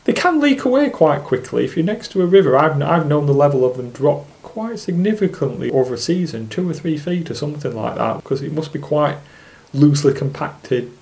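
A man's voice: fairly high pitch, animated, a little fast, darkish tone. A man from Lancashire, explaining things off the cuff in a musing, loosely structured way as an interview guest. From Lancashire, England. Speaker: podcast guest, specimen angler.

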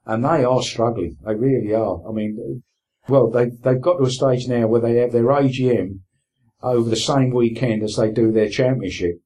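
A man's voice: medium pitch, mellow, rough recording. A man in his sixties with an Essex accent, talking casually and plainly as an interview guest, with colloquial turns of phrase. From Essex, England. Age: 60s. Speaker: interview guest, veteran sea angler.

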